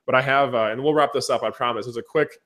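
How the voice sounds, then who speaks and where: A man hosting a casual webinar, energetic and enthusiastic as he talks to his viewers, his voice going hoarse. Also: medium pitch, fast. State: losing his voice. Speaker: webinar host.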